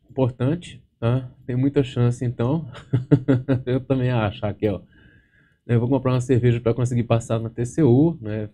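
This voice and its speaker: A man with a Brazilian Portuguese accent hosting a live question-and-answer stream as an exam-prep teacher. He swears freely, tells jokey stories and tags nearly every phrase with a quick check word. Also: mid-range voice, dark tone. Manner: profane, joking storyteller, constant tag words. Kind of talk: casual live Q&A chat. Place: studio with green screen.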